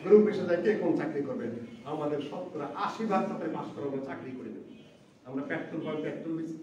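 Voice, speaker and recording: A man's voice: a little high, quick pace, a little mellow. A man preaching a Friday sermon in a mosque, with impassioned, rising emphasis, chanting Arabic supplications between plain speech. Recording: echoey distant lo-fi mosque recording.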